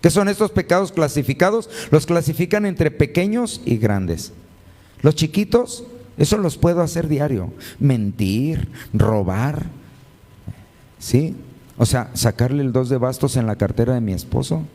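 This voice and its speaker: A man's voice: a little high, expressive, measured pace, mellow, long reverb tail. A male pastor preaching a sermon, firing rhetorical questions at his congregation and calling them brothers and sisters. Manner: addresses listeners as brothers and sisters.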